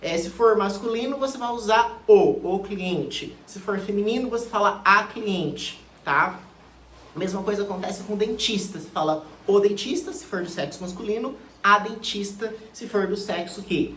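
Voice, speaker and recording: A Brazilian woman teaches a grammar lesson in a steady, mid-pitched voice, drilling key words over and over and throwing questions out to her students. Her voice rings in an echoey room with a faint hum in the background. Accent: Brazilian Portuguese. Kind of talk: exam-prep grammar lesson.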